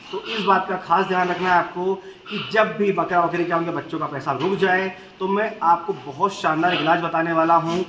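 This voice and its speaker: A man in his thirties talks to camera as a goat farmer and channel host, laying out a remedy step by step and repeating the key points for his viewers. His voice sits a little high. The sound carries the echo of a large open shed over a faint bed of background noise. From India. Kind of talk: instructional farming video. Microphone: camera at medium distance, standing to camera.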